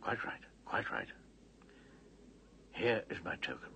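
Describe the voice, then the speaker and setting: An actor voicing a kindly, wary talking beaver in a children's fantasy audio drama, conspiratorial and often dropping into whispers. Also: male voice, low voice, very animated, slow, creaky, pushed and bright, heavily acted. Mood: secretive, earnest. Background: music.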